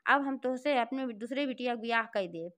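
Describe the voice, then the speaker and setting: A hot-tempered, helpless king from a village folk tale, as a woman storyteller voices him. He scolds with indignant bluster in a Bhojpuri-inflected accent, the voice high and smooth. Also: brisk, a bit bright, close to an everyday voice. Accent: Bhojpuri-inflected Hindi. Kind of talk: devotional folk tale telling.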